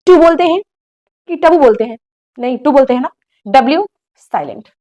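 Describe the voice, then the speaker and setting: Young lady teacher, high voice, lesson in hindi, keeps asking then correcting you. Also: lively intonation, warm tone. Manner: asks quick rhetorical questions and corrects firmly. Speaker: English teacher. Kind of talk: classroom lesson in Hindi with English words.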